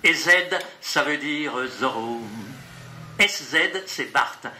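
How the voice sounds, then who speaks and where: A man's voice: on the high side, expressive, takes it slowly, pushed and bright, slight background noise. A man introducing and then reading his own poem aloud at a live poetry evening, in a rhythmic, playful, list-like delivery. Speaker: poet reading his work. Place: gallery at an evening event.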